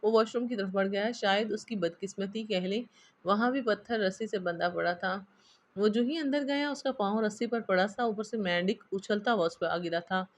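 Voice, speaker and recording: A woman reading a romance novel aloud in steady storybook narration. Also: medium pitch, moderate pace. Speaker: novel reader.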